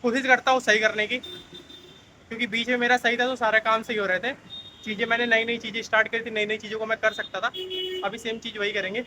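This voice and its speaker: A man's voice: sits high, little pitch movement, a little fast, sharp tone, slight background noise, rough recording. A young man vlogging casually, telling a story in a chatty, ranting way while walking through a station and streets. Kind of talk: casual vlog talk to camera. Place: Mumbai local train station and streets, outdoors.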